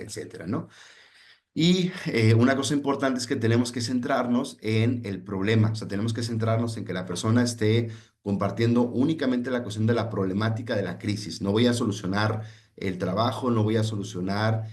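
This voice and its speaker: A man's voice: on the low side, darkish tone. A man from Mexico with a Mexican Spanish accent giving an online teacher-training talk, explaining step by step with many fillers and acting out example dialogues. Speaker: lecturer on psychological first aid.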